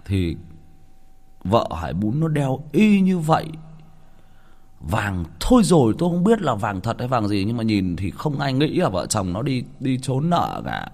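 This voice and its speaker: A man's voice: medium pitch, huge pitch swings, measured pace, darkish tone. A man telling a story in a casual, chatty first-person way, stumbling over and repeating words as he talks straight to his listeners. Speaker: storyteller host.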